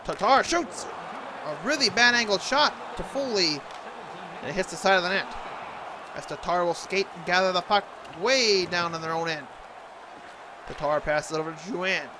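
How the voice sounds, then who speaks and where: A man's voice: sits high, normal speed, crowd noise, noisy background, close to an everyday voice. A man doing an impression of an earnest TV hockey play-by-play announcer, calling a video game in clipped present-tense phrases. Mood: excited.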